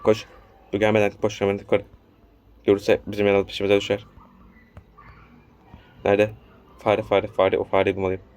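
Low flat-voiced man commenting gameplay. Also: moderate pace, long pauses. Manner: talks to the game, urging and scolding. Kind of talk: casual let's-play commentary.

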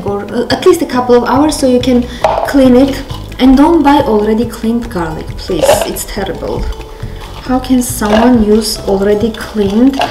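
A woman in her thirties, a native Armenian speaker, hosts a cooking show from a big home kitchen, her voice on the high side. She chats casually as she cooks, correcting herself and laughing at her own slips. The room echoes and the recording is rough, first from a handheld camera held close, then from a camera set on the counter.

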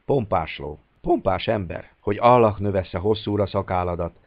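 A blunt, jovial Turkish sergeant who grins at his friends, as a man reads him aloud. The voice is low, and the recording is dry and slightly muffled. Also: no echo. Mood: relieved.

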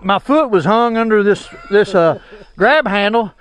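A man with a drawl and a notably high voice chats outdoors on a wooded trail, winded and chuckling as he talks. His speech is loose and rambling. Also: lively intonation, measured pace, a bit bright. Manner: laughing, drawling storyteller. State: out of breath. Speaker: trail rider filming the ride. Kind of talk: casual chat on a trail ride.

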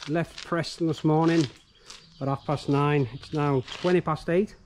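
A man's voice: a little high, steady tone, normal speed, a little mellow. A middle-aged man narrating a bikepacking trip casually, outdoors on a canal towpath, with many fillers. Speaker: bikepacking vlogger. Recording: faint outdoor background noise.

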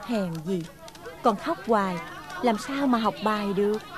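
An actress playing a kind, patient schoolteacher, gently coaxing her pupils in a film drama. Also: medium pitch, measured pace, crowd noise, close to an everyday voice. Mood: gentle. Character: kind young village schoolteacher, patient and caring.

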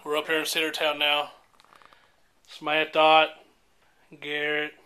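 A man's voice: a little high, monotone, unhurried, background noise. A man chatting casually and teasing his family while filming a home video on a handheld camcorder. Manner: joking, teasing, folksy. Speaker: vlog host. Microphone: handheld pocket camcorder.

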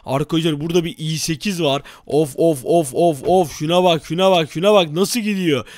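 A young man hosting a game role-play video, excitable and teasing, constantly talking to his viewers. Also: a little high, a little fast, no echo. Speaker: gaming channel host. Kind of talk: role-play gameplay commentary.

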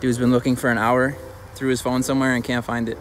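A man's voice: mid-range voice, little pitch movement, fast, slight background noise. A young man hosting a casual vlog, talking in slang to his viewers into a phone held at arm's length. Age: young adult. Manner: slangy, addressing viewers as boys and chat. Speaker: vlog host. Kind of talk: casual vlogging.

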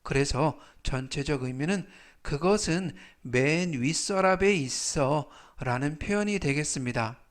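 Male vocab teacher, unhurried and careful, slightly higher voice, repeats each word. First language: Korean. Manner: spells out pronunciation, repeats each word slowly. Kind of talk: slow explanatory vocabulary lesson.

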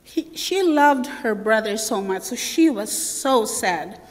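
A woman elder preaching a sermon, telling a childhood story with lively acted-out family voices. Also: on the high side, slow pace. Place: church sanctuary. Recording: long church reverb.

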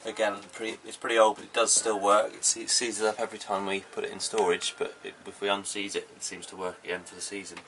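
This man in his thirties gives a tour of his sailboat's cramped cabin, casually explaining the gear in a practical, plain-spoken way. His voice is lowish and a bit bright, delivered flat and fast with few pauses. The mic sits slightly distant, picking up faint background noise.

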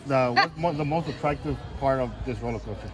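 A man's voice: medium pitch, normal speed. A man translating in a casual interview outdoors at an amusement park, hesitating and searching for words. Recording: noisy outdoor crowd.

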